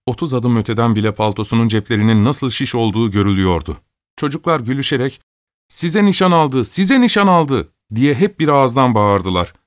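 A man reading a novel aloud as an audiobook narrator, steady and measured. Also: lowish voice, no echo, studio quality.

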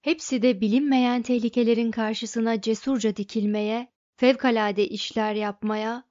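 A woman narrating an audiobook in a measured, even manner, her voice sitting a little high. The recording is dry with no room sound and slightly dull in tone. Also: no echo.

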